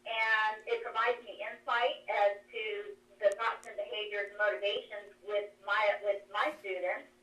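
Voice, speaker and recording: A woman's voice: medium pitch, steady tone, moderate pace, hardly any pauses, bright, forceful tone. A woman coach calling in by phone and explaining her methods step by step, her voice echoing like she is in a cave. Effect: cave-like echo over a phone line. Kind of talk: presentation on a conference call. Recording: echoey distant phone line.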